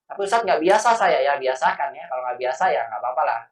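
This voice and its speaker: A man's voice: mid-range voice, big pitch swings, fast. A man teaching a language class, patiently correcting students and explaining grammar. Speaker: Arabic teacher. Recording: echoey, distant, muffled.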